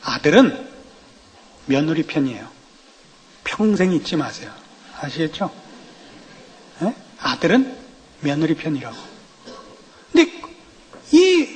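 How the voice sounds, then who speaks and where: Husky-voiced pastor preaching in a reverberant hall. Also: male voice, high-pitched. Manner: humorous storytelling, rhetorical questions to the congregation. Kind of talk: expository sermon with anecdotes. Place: church sanctuary.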